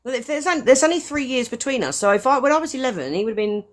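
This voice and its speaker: A woman's voice: sits high, animated, rapid-fire. A woman in her forties chatting casually as a fan guest, rambling cheerfully and laughing at her own mistakes. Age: 40s. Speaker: fan guest on a live stream. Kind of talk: casual chat.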